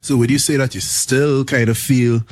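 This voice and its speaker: A man interviewing a guest in a laid-back, casual way, quick to laugh. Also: medium pitch, level tone, a little mellow, no room sound, studio quality.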